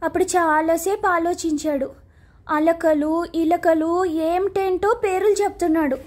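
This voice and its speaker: High-voiced woman telling a children's story. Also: fairly even intonation, unhurried, darkish tone.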